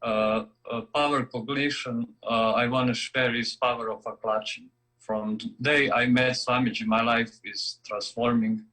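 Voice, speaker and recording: A man from Croatia giving a halting personal testimonial in English, with hesitant fillers. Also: medium pitch, little pitch movement, sharp tone, low-quality recording.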